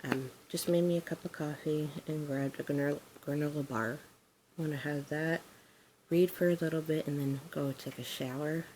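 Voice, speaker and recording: A woman's voice: sits low, darkish tone, slight background noise, poor audio. A woman vlogging casually at home, rambling and easygoing with lots of fillers. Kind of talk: casual diary-style chat.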